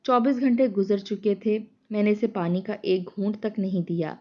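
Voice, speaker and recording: Brief: woman storyteller, steady dramatic delivery, medium pitch, muffled lo-fi sound. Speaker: narrator. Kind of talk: first-person story narration. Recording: dull lo-fi sound.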